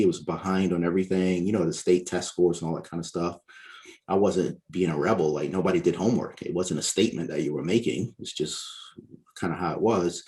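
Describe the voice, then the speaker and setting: Deep voiced guy from barbados on a podcast, explains stuff slowly, keeps saying right?. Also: darkish tone. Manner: measured, explanatory, often ends points with "right?". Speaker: author and guest. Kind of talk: podcast interview.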